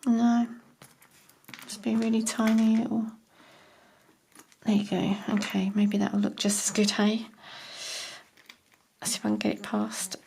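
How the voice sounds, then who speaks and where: Lady talking to herself over her crafts, half whispering, husky and slow. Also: mid-range voice, little pitch movement, mellow. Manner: self-mocking, chuckling. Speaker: crafting vlogger. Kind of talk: casual talk while crafting.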